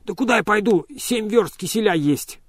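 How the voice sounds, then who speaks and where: A man's voice: high voice, lively intonation, moderate pace, dry recording, clean studio sound, pitched above the performer's own voice. A man voicing a lazy, stubborn old male servant who grumbles and drags his words. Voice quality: grumbling, sluggish.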